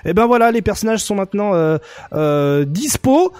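A young man from France runs a casual fighting-game news stream. His voice sits a little high, and he talks in an animated, jokey way. He keeps breaking his sentences with fillers and restarts. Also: moderate pace.

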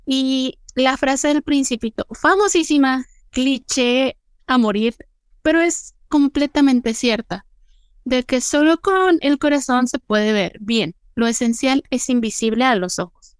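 A woman's voice: high voice, measured pace, smooth, no room sound. A woman, co-hosting a reflective podcast chat and talking earnestly about process and small details. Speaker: podcast co-host.

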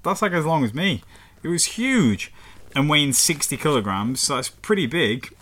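A man with a northern English accent chats casually, rambling and swearing as he reads history facts aloud. His voice is a little high and a bit bright, with a sing-song lilt at a moderate pace.

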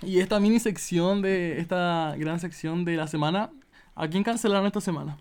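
A woman's voice: lowish voice, normal speed, a little mellow, clear, resonant tone. A woman with a Chilean accent co-hosting a casual podcast chat, chatty and laughing often. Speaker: podcast co-host.

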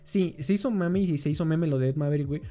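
A man's voice: on the high side, fast talker, warm tone, soft background music. A young man with a Mexican accent in casual, slangy chat, dropping "güey" every few words. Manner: slangy, says "güey" constantly.

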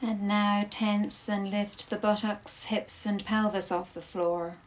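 This woman's voice is mid-range and steady as she instructs a yoga nidra session. She guides the class in brief, calming directions, leaving long silences between them.

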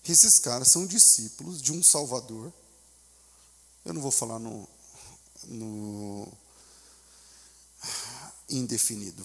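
A man with a Brazilian Portuguese accent preaching a sermon as pastor, swinging from quiet asides to loud preaching shouts and acting out the voices of the people in his stories. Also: fairly high pitch, breathy edge, long reverb tail. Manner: acts out voices of church members and a desperate mother.

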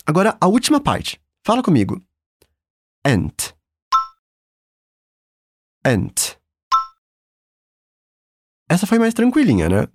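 A man's voice: sits high, wildly swooping pitch, fast, few pauses, husky, no echo, studio quality. A man with a Brazilian accent teaching a German lesson in a patient, encouraging, upbeat way. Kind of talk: language lesson.

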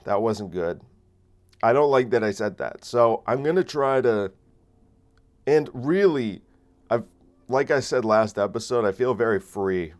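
A man in his late twenties hosting a casual solo podcast, rambling with many fillers and restarts, recorded on a microphone. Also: fairly low pitch. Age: late 20s. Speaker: podcast host. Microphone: phone camera and separate microphone.

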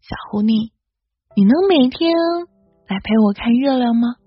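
A woman voicing a naive, doubting young female rabbit in a storybook reading, in a high, teasing tone. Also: lively intonation, unhurried, husky, no room sound, highs cut off, soft background music. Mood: wistful.

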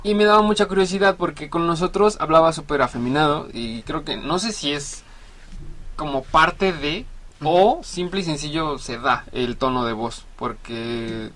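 A Mexican man hosting a laid-back podcast, his voice a touch higher than most and strikingly bright. He jokes easily, trails off and hunts for words as he talks. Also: moderate pace. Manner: relaxed, joking, trails off mid-sentence. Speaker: podcast host. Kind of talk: casual podcast chat.

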